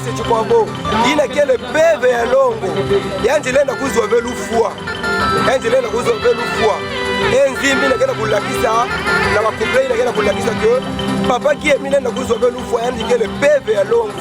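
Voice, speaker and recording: A man with a Congolese accent talks in an interview in a very high voice. Loud music and a noisy crowd fill the recording behind him. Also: fairly even intonation, normal speed. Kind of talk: interview, explaining in mixed languages.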